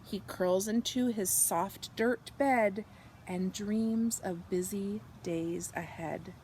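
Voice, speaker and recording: A woman reading a picture book aloud to young children, expressive and animated, drawing out her words and softening for bedtime lines. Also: medium pitch, a little hiss or hum. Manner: slow, animated delivery with drawn-out words and hushed, whispered good nights. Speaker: children's storybook reader.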